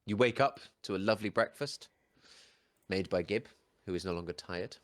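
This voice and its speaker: Male game master, low-pitched, dry sound, measured and suspenseful fantasy narration. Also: no room sound. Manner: measured, suspenseful scene-setting in short phrases.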